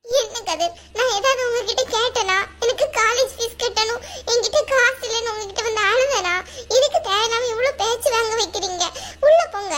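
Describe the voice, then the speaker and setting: A woman acting out a shy, poor young woman in a cartoon, her voice squeaky and very high. She hesitates and pleads, always on the edge of tears. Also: a little fast, fairly bright tone. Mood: hurt. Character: poor, meek young woman college student.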